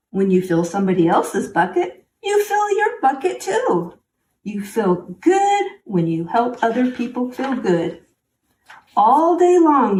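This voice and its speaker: With a medium-pitched, darkish voice, a woman reads a children's picture book, keeping it simple, cheering the young audience on, and speaking to them directly. The mic is distant, the room roomy, and faint noise sits underneath.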